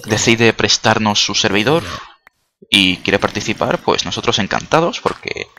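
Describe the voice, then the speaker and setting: With a fairly low, sharp-toned voice, this man chats through a video game in let's-play style, joking, cursing freely, and yelping when startled. He's a gaming creator who isn't a native Spanish speaker, and there's slight background noise.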